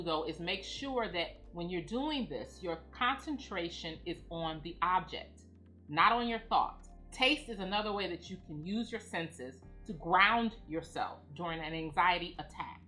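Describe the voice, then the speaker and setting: A woman giving calm, measured instructions as she guides listeners through a grounding exercise. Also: mid-range voice. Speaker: presenter of anxiety grounding techniques. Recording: music playing behind the voice. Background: background music.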